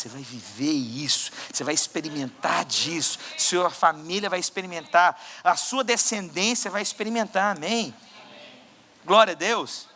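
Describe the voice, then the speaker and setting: A man preaching a sermon as pastor, swinging between loud exhortation and quiet asides. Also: fairly high pitch. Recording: church hall with long reverb.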